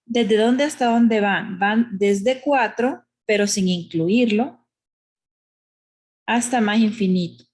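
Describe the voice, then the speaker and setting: Patient husky-voiced woman teaching math. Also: medium pitch, slow pace, a little mellow. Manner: patient, explanatory, uses diminutives, asks "¿verdad?". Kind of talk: recorded math lesson.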